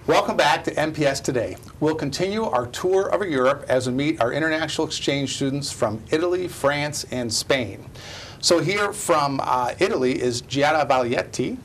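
A middle-aged man hosting a studio interview with a lapel mic, friendly and encouraging with quick interjections. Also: on the high side, a bit bright, slight background noise. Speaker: host. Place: small TV studio.

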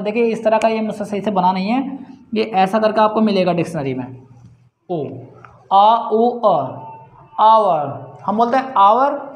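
A man teaching English pronunciation in a casual spoken lesson, slowly repeating example sounds and often calling his viewers guys. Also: high voice. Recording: roomy echo.

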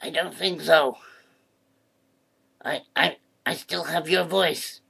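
Man voicing a playful puppet boy for kids: gravelly, husky, fairly low. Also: fairly even intonation, slow, bright, forceful tone, full character voice. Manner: chatty and playful. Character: friendly curious male puppet boy. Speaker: puppet character. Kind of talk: children's puppet show.

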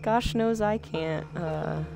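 A woman's voice: sits low, takes it slowly, gravelly, over loud music. A woman chatting casually and playfully with friends while playing a video game, full of exclamations. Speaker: player in a co-op video game session. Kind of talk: casual gameplay chat with friends.

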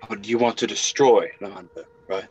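A young man playing a brash, evasive, confused exile caught stealing, halting and excitable, in an amateur video game role-play drama. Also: fairly low pitch, husky. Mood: defiant. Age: young adult. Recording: muffled lo-fi home webcam audio.

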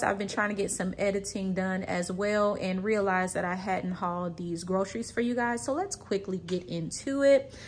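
A woman's voice: a little high, a little hiss or hum. A young woman, chatting casually and sassily to her viewers as a vlogger. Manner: chatty, sassy, says "y'all" and "child". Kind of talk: casual chat. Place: car, then kitchen.

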